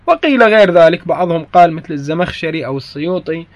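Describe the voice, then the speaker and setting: A man's voice: a little high, expressive, quick pace, no echo, highs cut off. A man with an Iraqi Arabic accent teaches a grammar lesson. He explains each point in turn, repeats the key phrases and corrects himself mid-sentence.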